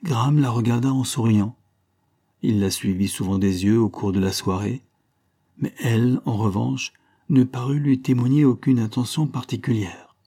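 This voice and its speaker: A man reading a classic novel aloud in measured scripted narration. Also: mid-range voice, dark tone. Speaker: audiobook reader.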